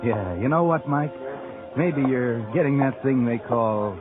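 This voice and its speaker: A man's voice: medium pitch, a little slow, phone-quality sound, close to an everyday voice. A man playing an ominous, all-knowing night-walking storyteller, narrating theatrically in 1940s radio mystery style. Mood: knowing, wry. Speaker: narrator and host of a mystery series. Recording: old thin radio recording, loud music.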